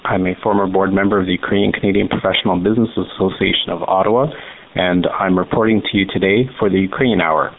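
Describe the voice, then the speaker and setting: A man reporting for a radio program, asking formal, scripted interview questions in a brisk way. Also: sits low, fairly even intonation. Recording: tinny phone-line sound with faint hiss.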